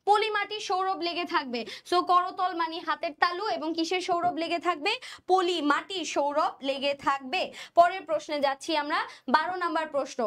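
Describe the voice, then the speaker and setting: Young female tutor, very high voice, drills and repeats answers. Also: a bit bright. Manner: repeats questions and answers, quizzes students. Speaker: admission test teacher. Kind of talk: online exam-prep lesson.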